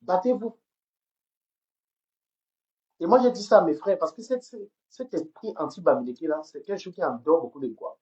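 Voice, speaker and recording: A woman's voice: on the low side, moderate pace, long pauses, mellow. A woman delivers a heated livestream rant into her phone. She repeats phrases and stammers as she pushes on, and the audio is dull and lo-fi. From Cameroon. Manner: heated, repetitive, stammers on words. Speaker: livestream host. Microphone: phone camera.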